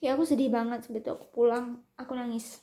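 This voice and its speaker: A woman's voice: fairly high pitch, steady tone, quick pace, warm tone. A young woman in her twenties telling a story in a casual vlog, chatty and slipping in English and German words. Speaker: vlogger.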